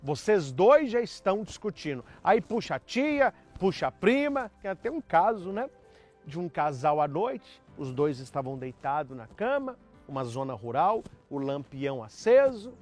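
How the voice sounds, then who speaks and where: This priest lectures on marriage emphatically, in the manner of a teacher, at a moderate pace. His pitch sits high and swings lively up and down, with faint music in the background.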